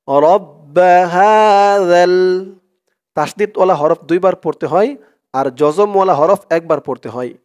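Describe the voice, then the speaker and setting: A man teaching Quran reading, who spells out each word letter by letter and then chants the verses slowly. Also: a little high. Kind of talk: spelling lesson with recited verses.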